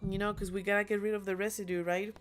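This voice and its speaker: A woman's voice: mid-range voice, level tone, fast talker, soft background music. Giggly young woman streaming, chatting with chat. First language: not English. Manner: giggly, chatty, reads chat messages aloud. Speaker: game streamer. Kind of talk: casual live-stream chat. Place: alone in a room.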